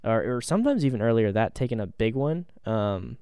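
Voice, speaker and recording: A man's voice: medium pitch, animated, fairly quick, warm tone, clear, resonant tone, dry recording. A man co-hosting a podcast, chatting casually about football with an easygoing, hedging manner full of ums and restarts. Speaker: podcast co-host. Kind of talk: casual sports chat.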